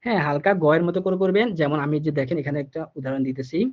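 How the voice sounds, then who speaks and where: A man with a slightly higher voice teaches an online language class. He explains each rule step by step, circling back often with fillers. The recording sounds a little dull and lo-fi. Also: racing. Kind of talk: live online class lesson.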